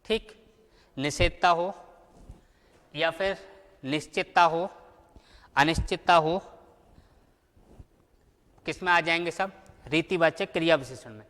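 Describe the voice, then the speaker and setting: A male teacher gives a classroom grammar lesson at a very slow, deliberate pace. He keeps asking the class questions and then answers them himself, repeating words one at a time. His fairly high voice rings with a long echo, like a bare classroom. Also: a bit bright.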